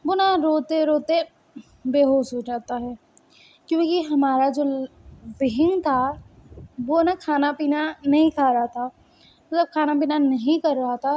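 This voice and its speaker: A woman's voice: high-pitched, dark tone. A woman retelling a story in a casual, conversational way, full of small fillers. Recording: dull lo-fi recording.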